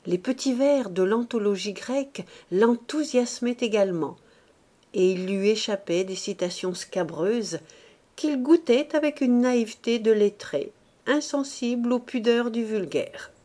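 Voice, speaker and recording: A woman reading a classic novel aloud as narrator, in a measured, clear manner. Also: a little high, dark tone. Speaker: audiobook reader.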